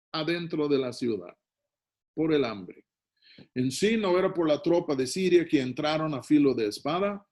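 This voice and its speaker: A male pastor with a Mexican Spanish accent preaches a sermon, narrating a scripture story and breaking off to comment to his listeners. His voice sits a little high, with a mellow, relaxed tone. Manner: storytelling Bible reading with asides.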